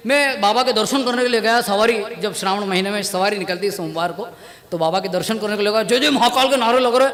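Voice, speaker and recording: A comic poet on stage, telling chatty, self-mocking stories and acting out the dialogue. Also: male voice, high voice, fast, fairly bright tone, long reverb tail. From India. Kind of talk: stand-up storytelling at a poetry gathering. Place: stage at a poetry gathering. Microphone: stage mic on a stand.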